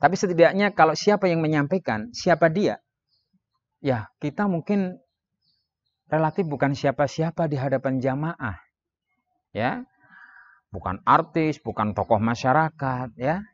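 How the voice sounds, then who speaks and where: A man's voice: fairly high pitch, dry recording, dull audio. Man teaching speech with emphatic rises. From Indonesia. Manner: lively teaching delivery with sudden emphatic rises, drawn-out demonstration phrases. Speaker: Islamic preaching trainer. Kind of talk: training lecture on public speaking.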